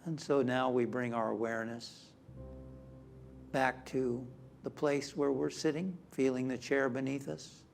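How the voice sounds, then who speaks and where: A man leading a spiritual guided meditation in a calm, measured manner with long pauses. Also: medium pitch, vocal fry. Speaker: meditation leader. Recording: music behind the voice. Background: instrumental music.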